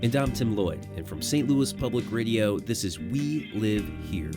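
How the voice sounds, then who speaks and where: A man co-hosting a public radio podcast, delivering scripted narration calmly and evenly. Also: on the low side, normal speed. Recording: studio with faint guitar music bed.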